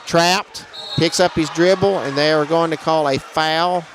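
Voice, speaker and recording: Male play-by-play announcer, slightly high voice, brisk game calls, faint gym noise behind. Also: fairly even intonation, a bit bright. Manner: brisk, matter-of-fact calls, raising his voice on big plays. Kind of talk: live basketball commentary.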